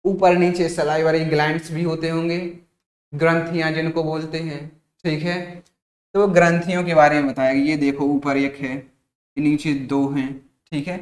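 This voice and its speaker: Male teacher, explains step by step, fairly high voice. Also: little pitch movement, moderate pace, echoey room. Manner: explains step by step, repeats "ठीक है", asks then answers his own questions; jokes with students, calls them "भाई साहब". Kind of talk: exam-prep science lecture.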